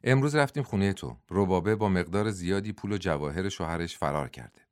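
A man voicing a friendly male army captain in an audiobook, speaking briskly and familiarly. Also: low-pitched, clear, resonant tone, no room sound, studio quality, natural voice. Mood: urgent. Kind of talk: audiobook dialogue.

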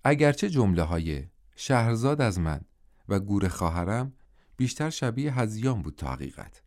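A man reading a novel aloud as an audiobook in a low-set voice. His storytelling is measured and steady from line to line. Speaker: narrator. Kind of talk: audiobook narration.

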